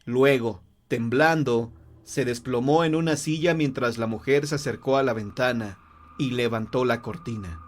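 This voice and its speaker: A man narrating a horror tale in a measured, grave storytelling voice. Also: mid-range voice.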